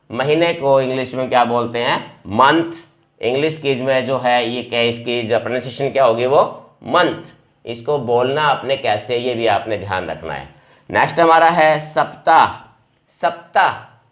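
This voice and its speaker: Man, English teacher, vocabulary lesson, patient, repeats words, mid-pitched voice. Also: a bit bright. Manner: explains patiently, repeats each word several times.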